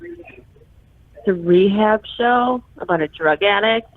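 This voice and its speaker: A woman's voice: mid-range voice, takes it slowly, no echo, narrow, tinny audio. A woman in her thirties with a mix of Valley and Midwestern accent, a podcast guest chatting over an internet call, bubbly and laughing often. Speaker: podcast guest, stay-at-home mom. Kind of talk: casual chat.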